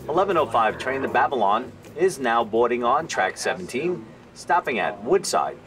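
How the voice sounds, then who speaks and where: A man making a train announcement over a station loudspeaker, calling out the stops in a steady announcing cadence in a large train station. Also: medium pitch, normal speed, over music. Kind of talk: public address announcement. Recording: distant loudspeaker over crowd noise.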